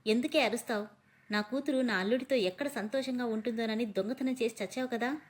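A woman's voice: a little high, brisk, natural voice. A woman voicing a scheming middle-aged aunt who scolds and wails in a storybook reading. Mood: accusing. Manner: scolding, wailing.

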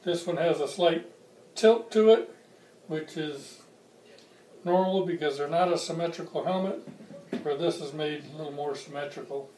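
A hobbyist video reviewer, a man in his sixties with a warm, fairly high-pitched voice, gives an unscripted, hands-on product comparison in his home kitchen. He speaks in short, plain phrases with pauses between them. A camera mic a few feet away picks up roomy echo and faint noise.

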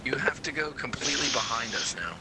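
A man's voice: mid-range voice, lively intonation, fast. A man in a casual gaming chat, laughing and exasperated as he gives directions. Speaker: gaming friend. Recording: voice chat with game noise.

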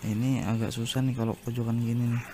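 A man's voice: medium pitch, level tone, quick pace, mellow, a little hiss or hum. A man giving casual commentary while he plays a zombie survival game, chatting to viewers and exclaiming at jump scares. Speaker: gaming YouTuber.

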